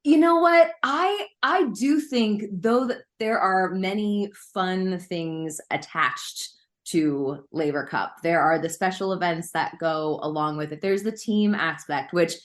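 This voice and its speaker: Lower-voiced woman talking tennis. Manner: thoughtful, measured opinions. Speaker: guest commentator. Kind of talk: casual interview chat. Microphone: video call.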